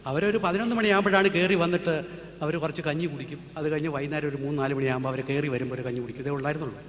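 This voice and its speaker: A man's voice: fairly high pitch, fairly even intonation, racing. A man giving a public talk on natural healing, lecturing with emphatic rhetorical questions while answering audience questions. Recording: echoey hall, dull lo-fi with faint noise.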